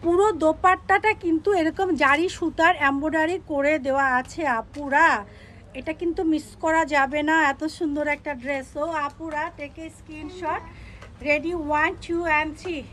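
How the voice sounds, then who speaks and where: High-voiced woman selling clothes live. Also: steady tone, a little slow, a bit bright, slight background noise. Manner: repeats phrases, pushy upbeat selling, mixes English words. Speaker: online clothing seller. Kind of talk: live-stream sales pitch.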